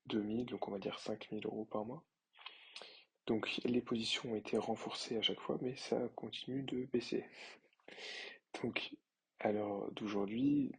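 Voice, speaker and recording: A young man giving a casual, hesitant commentary with many pauses and fillers. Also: fairly low pitch, slightly rough, poor audio. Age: young adult. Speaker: finance vlogger. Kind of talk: casual screen-share commentary.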